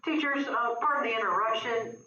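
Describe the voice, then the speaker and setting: A woman making a brief, casual announcement to teachers over a school intercom loudspeaker. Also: fairly high pitch, brisk, over loud music. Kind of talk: public address announcement. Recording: lo-fi loudspeaker in an echoey classroom.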